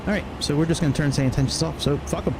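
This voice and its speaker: Racing along in a fairly high voice, a man streams a flight simulator, talking casually and half to himself with some swearing. The livestream has clear background noise, a hum like a vehicle.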